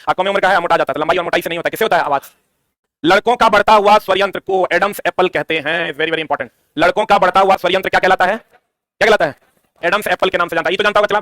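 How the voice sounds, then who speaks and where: A man's voice: sits high, bright, forceful tone, no echo. A man, teaching an exam-prep science lesson, asking questions and answering them himself. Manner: quizzing, asks and answers his own questions.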